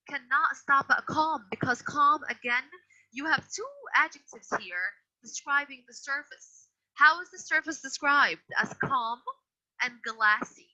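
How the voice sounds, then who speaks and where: A high, sharp-toned woman teaches an online grammar lesson, repeating and correcting her students with patience and firmness. It comes through a video call as dull, lo-fi audio.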